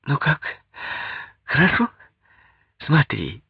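A man's voice: animated, a little slow, fairly bright tone, husky, no echo, studio quality, exaggerated voice. A man voicing a young wife in an audiobook, anxious, tearful and pleading. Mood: cheerful. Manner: pleading, high-pitched.

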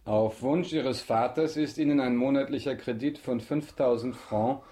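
An actor in a German radio drama playing a suave, courteous count with polished, measured, formal speech, quietly in control. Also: male voice, medium pitch, lightly acted. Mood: smooth, courteous.

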